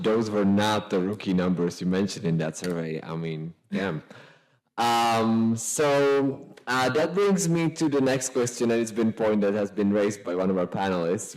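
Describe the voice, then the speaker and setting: A man runs a conference panel from his seat, his voice low and relaxed. He slips in light jokes before handing the next question to a panelist. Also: poor audio. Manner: light and joking between questions. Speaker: panel moderator. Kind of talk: moderating a panel.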